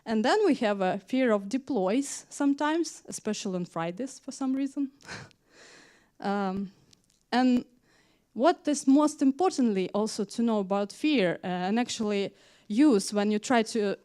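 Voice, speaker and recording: In a conference hall, a tech manager from Ukraine gives her talk haltingly, with lots of "uh" fillers and non-native grammar. She speaks at a medium pitch in a clean, slightly mellow voice.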